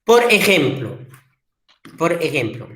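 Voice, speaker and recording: A man teaching a language class, slowly repeating key words for emphasis. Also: on the high side, big pitch swings, fairly bright tone. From Peru. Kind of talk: classroom lecture. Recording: echoey room.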